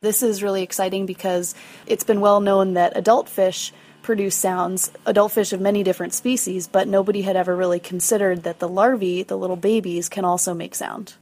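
A woman scientist giving measured, explanatory answers in an interview. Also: medium pitch, level tone, a little mellow. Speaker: marine scientist.

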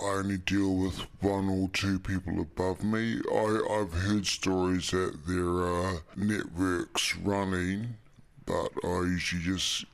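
New guy, voice disguised by a filter so it's super deep and gravelly, talks real slow. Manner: halting, hesitant, with many fillers. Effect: electronically disguised, deepened voice. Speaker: anonymous interviewee. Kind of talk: interview clip.

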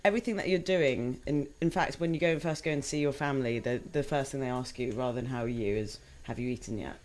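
Low-voiced chatty young woman cooking. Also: fast talker, darkish tone. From Hong Kong. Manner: chatty, laughs often. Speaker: home cook guest. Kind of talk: casual chat while cooking.

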